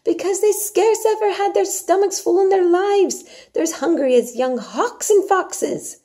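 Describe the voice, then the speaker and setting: Woman acting a hearty high-pitched young country housemaid. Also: measured pace, warm tone. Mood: indignant. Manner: blunt, emphatic, exclaiming. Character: hearty, outspoken young Yorkshire housemaid with motherly scolding. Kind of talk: storybook dialogue read aloud.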